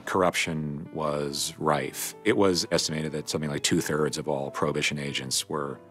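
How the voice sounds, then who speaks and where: A middle-aged American man giving articulate, deliberate commentary in a documentary interview. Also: rumbling low, steady tone, a bit bright, soft background music. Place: dim indoor interview set, music behind.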